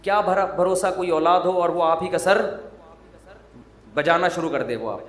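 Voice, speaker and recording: A male Islamic preacher giving a sermon in a joking, teasing, conversational way. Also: high voice. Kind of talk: humorous sermon. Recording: roomy echo.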